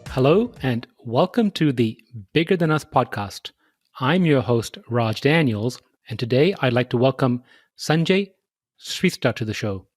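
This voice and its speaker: A man hosting a podcast interview, reading measured, scripted introductions and asking questions. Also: medium pitch, no room sound, studio quality. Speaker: podcast host.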